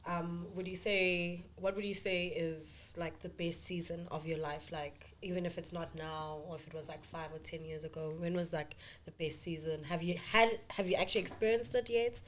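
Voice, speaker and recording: A woman's voice: fairly low pitch, steady tone, moderate pace, hardly any pauses, a little hiss or hum. A woman co-hosting a casual podcast, playful and full of restarts. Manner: playful, hesitant, many restarts. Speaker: podcast co-host. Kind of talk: casual chat.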